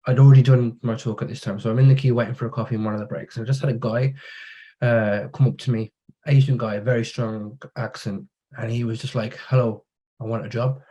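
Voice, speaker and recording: A man with a mellow, warm voice talks in a relaxed way on a podcast. He tells long stories from his working life and briefly acts out the voices of the people in them. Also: medium pitch, fast talker. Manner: relaxed storytelling, acts out quoted dialogue. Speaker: podcast guest. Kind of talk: casual conversation.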